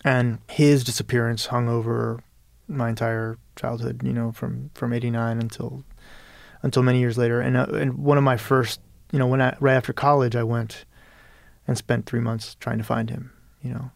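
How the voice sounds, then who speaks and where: As a guest writer from Peru, this man reflects in an interview, searching for thoughts, restarting often and saying "you know." He speaks at a moderate pace in a medium, level, creaky voice, recorded dry with clean studio sound.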